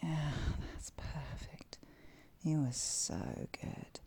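A woman whispering intimately in an audio roleplay, with soft moans between her lines. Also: deep voice, very animated, extremely slow, creaky, slightly rough.

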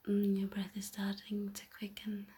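A woman doing an intimate whispered role-play as a tender, teasing, dominant lover, speaking in a soft, breathy voice. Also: mid-range voice, completely flat delivery, normal speed. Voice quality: breathy, airy.

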